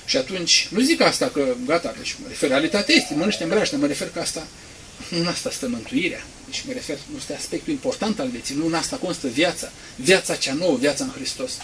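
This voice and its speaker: Man, priest, high voice, impassioned sermon, quiet asides to loud emphasis, faint background noise. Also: lively intonation, poor audio.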